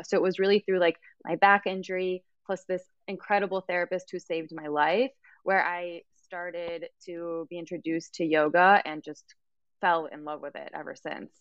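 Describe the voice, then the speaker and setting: Speaking on the low side with a steady tone and moderate pace, the Mexican guest in her thirties, a yoga teacher and life coach, earnestly relates her story in a casual interview conversation. Fillers and restarts are frequent, and the sound is dull without echo.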